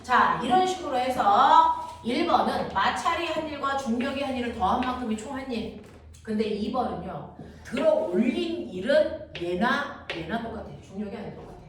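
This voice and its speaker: A woman's raised, fairly high voice explains physics to a class, stopping again and again to ask whether everyone follows. She sounds far from the microphone in a strongly echoing room. Clear background noise runs underneath. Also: animated. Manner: constantly checks understanding with quick questions. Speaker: physics teacher. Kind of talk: classroom lecture. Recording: very echoey room, distant mic, audible noise.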